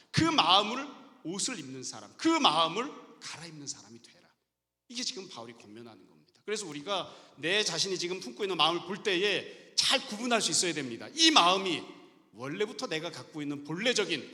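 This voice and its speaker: Animated middle-aged male pastor preaching. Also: sits high. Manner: emphatic preaching with rhetorical questions. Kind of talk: sermon. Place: church sanctuary. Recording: reverberant church hall.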